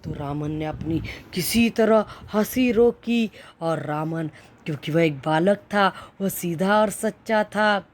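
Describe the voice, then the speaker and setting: A woman's voice: low-pitched, steady tone, a little slow. A woman teacher telling a story to children, restating each idea in simpler words. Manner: explains by restating words with synonyms.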